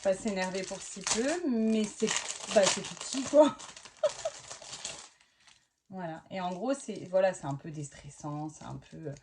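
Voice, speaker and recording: A woman's voice: fairly low pitch, unhurried, pauses often. A woman in her thirties chatting casually as she unboxes a haul for her family vlog, exclaiming and restarting often. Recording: mic at a distance with clear background noise.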